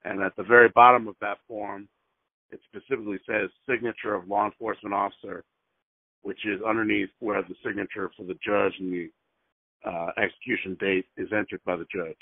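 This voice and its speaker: A fairly low-pitched man talks over a landline phone line. The audio is narrow and tinny, with a dry sound and no room around it. He goes through details methodically, pausing on fillers and spelling out numbers slowly twice. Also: flat delivery, no room sound. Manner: hesitant, frequent fillers. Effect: heard over a landline phone line. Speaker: caller. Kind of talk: phone call and voicemail message.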